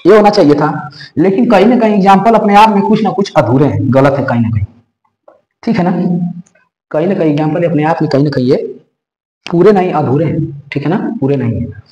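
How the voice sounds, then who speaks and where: A man's voice: a little high, darkish tone, roomy sound, low-quality recording. A man teaching an English grammar lesson, repeating points and checking in with the listeners often.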